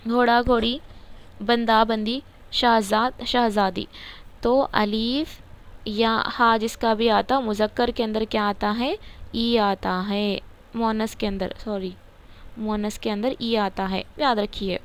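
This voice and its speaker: A woman's voice: a little high, steady tone, smooth. Woman teaching grammar. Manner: repeats words, asks and answers her own questions. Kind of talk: casual grammar lesson explaining a textbook.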